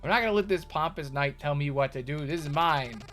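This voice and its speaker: A man's voice: fairly high pitch, brisk, a bit bright, faint music behind, close to an everyday voice. A man voicing a defiant, suspicious male adventurer in a video game, brash, accusing and bossy. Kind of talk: reading video game dialogue in character.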